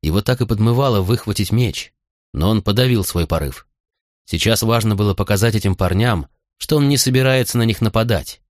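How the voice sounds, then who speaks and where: Low-voiced man narrating an audiobook. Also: no echo, studio quality. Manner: steady, measured reading. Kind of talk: scripted narration.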